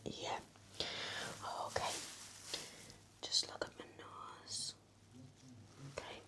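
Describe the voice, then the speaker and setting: In an ASMR nurse roleplay, a woman whispers gently and reassuringly close to the microphone, speaking extremely slowly.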